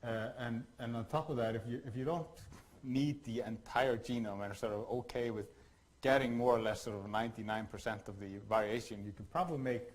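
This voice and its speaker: An Icelandic man delivers a workshop lecture in a halting manner, full of fillers and restarts. His medium-pitched voice keeps a steady tone, and the recording quality is low.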